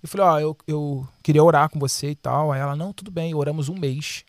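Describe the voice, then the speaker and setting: A man's voice: a little high, quick pace, dry recording. A young Brazilian man telling a long personal story in a casual chat, acting out the quoted dialogue as he goes. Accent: Brazilian Portuguese. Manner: animated, acts out quoted dialogue. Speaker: guest telling his story.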